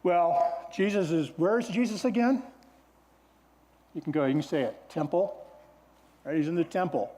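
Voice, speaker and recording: A man preaching a sermon as pastor, in a relaxed, conversational storytelling way. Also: high-pitched, moderate pace, pauses often. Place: church sanctuary. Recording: long church hall reverb.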